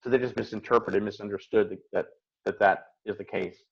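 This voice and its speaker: Gravelly, husky man coaching on a call. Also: on the low side, fairly even intonation, brisk, dull audio. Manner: earnest, reflective, acts out his own inner voice. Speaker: host and coach. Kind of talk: casual motivational talk on a call.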